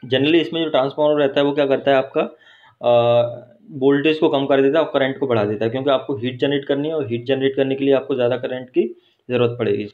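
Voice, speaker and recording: In a welding workshop, a patient male instructor explains the technical process step by step at a quick pace, his mid-range voice fairly even in intonation. He keeps checking in with "है ना" and "ठीक है", recorded on a handheld phone with dull audio.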